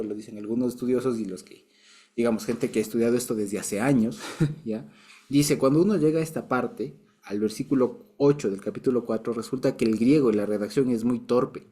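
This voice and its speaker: Male Bible teacher, mellow tone, patient and chatty. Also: medium pitch. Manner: explains patiently, with frequent restarts and light chuckles. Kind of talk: casual Bible lesson.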